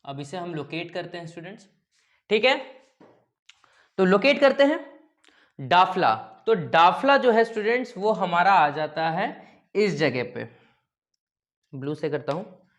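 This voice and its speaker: Slow, joking Hindi-speaking male teacher. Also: sits high, animated, fairly bright tone. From India. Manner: playful, full of joking memory tricks; often checks in with "okay?". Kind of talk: classroom geography lesson.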